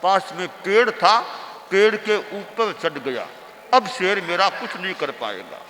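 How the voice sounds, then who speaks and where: A man giving a spiritual sermon, telling a story with slow, repetitive phrasing. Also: sits high, animated, sharp tone, big-room sound, a little hiss or hum, poor audio. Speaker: spiritual teacher giving a discourse.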